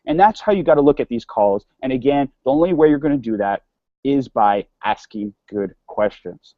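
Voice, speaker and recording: A man's voice: medium pitch, no room sound, highs cut off. A man giving an online sales course lecture in a casual way, often repeating words and restarting sentences. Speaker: sales instructor.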